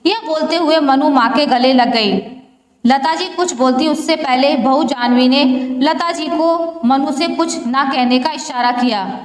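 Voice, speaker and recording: High-voiced woman narrating in an echoey room. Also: measured pace. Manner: reads every character's lines herself with only small voice changes. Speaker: storyteller. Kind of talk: scripted narration of a family story. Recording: echoey room with long reverb.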